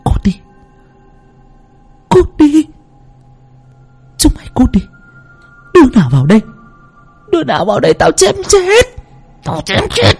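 A woman's voice: high-pitched, huge pitch swings, measured pace, vocal fry, pauses often, darkish tone, breathy edge, soft background music, voice pushed up, exaggerated voice. A man voicing a possessed woman who waves a knife and shrieks threats. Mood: frenzied.

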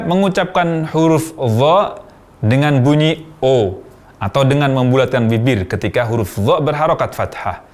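Man slowly teaching Arabic letter sounds. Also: mid-range voice. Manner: slow, careful demonstration of sounds. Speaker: Quran pronunciation teacher. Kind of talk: radio pronunciation lesson.

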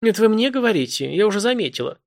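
A man voicing a terrified woman on the phone to the police, shrill and sobbing, pleading frantically. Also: very animated, racing, darkish tone, no echo, studio quality. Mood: shaken. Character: panicked woman caller alone at home.

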